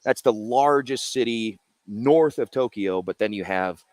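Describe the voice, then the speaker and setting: A man's voice: medium pitch, a little slow, a little mellow, no room sound. A man, a brewery co-founder, chatting casually as an interview guest and explaining his beers. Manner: explains while showing cans, loose and chatty. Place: brewery in a Japanese spa town.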